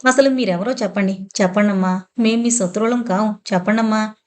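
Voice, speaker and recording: Brief: a fearful, courteous man, soft and pleading, voiced by a woman narrator in a horror audiobook. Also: medium pitch, brisk, close to an everyday voice. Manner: polite and pleading. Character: timid, courteous older man.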